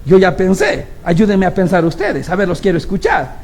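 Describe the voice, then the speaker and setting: Lively high-voiced male preacher. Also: moderate pace. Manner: animated storytelling, acting out quoted people; asks the congregation direct rhetorical questions. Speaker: lay preacher. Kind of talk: sermon.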